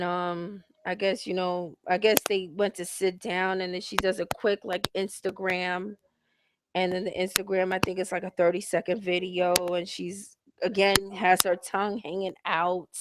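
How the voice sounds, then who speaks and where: A woman's voice: fairly low pitch, little pitch movement, a little slow. A woman hosting her own broadcast, recapping a reality show in casual, profane commentary and lecturing her listeners directly. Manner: blunt, profane, heavy use of slang. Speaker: host reviewing a reality show. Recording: hissy home recording.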